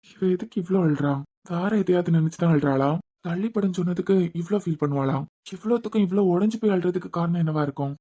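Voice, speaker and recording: A man's voice: high voice, dark tone. A man voicing a lovesick young husband in a cartoon series, brooding to himself with a Kanyakumari accent. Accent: Kanyakumari Tamil. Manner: brooding inner monologue, fast. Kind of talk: cartoon web series voice acting. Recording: dull lo-fi recording.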